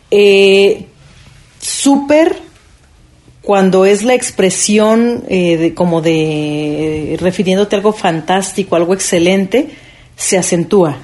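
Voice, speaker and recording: A woman's voice: medium pitch, slow, darkish tone. Curious woman radio host. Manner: recaps the points back, curious, with frequent affirming sounds. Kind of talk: radio chat.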